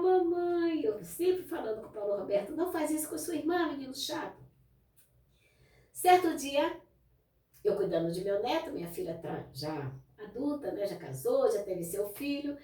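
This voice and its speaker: A woman's voice: on the high side, mellow. An older woman telling a personal story to viewers, speaking emotionally and addressing them directly. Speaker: testimony speaker. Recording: echoey room, voice from a distance.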